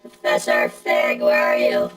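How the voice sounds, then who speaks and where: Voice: a little slow, a bit bright. A middle-aged game streamer talking through a robot voice effect, chatting casually and answering viewers bluntly. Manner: blunt, talks back to chat. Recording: echoey room with game music.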